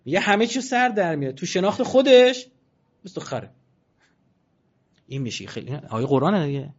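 A man giving a religious talk, slowly reciting verses and swinging from quiet asides to loud, emphatic passages. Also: a little high, very animated, slightly rough, lo-fi sound. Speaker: preacher.

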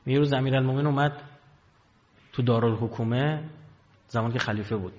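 Male preacher, emotive sermon storytelling, long hall echo, muffled lo-fi sound. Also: slight background noise. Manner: emotive storytelling, dramatic swings in pitch and loudness. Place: hall with pulpit.

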